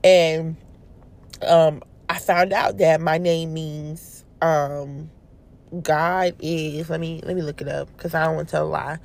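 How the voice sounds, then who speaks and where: A young woman hosting a casual devotional talk, stumbling over her words at times and growing animated as she preaches. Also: sits low, takes it slowly, creaky. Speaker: prayer video host.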